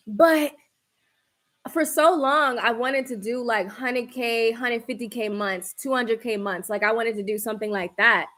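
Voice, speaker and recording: A woman's voice: on the high side, fairly bright tone. A woman speaking casually and emphatically to viewers like a self-help coach, encouraging them and repeating phrases for emphasis. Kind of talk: casual motivational talk to viewers. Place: room at home.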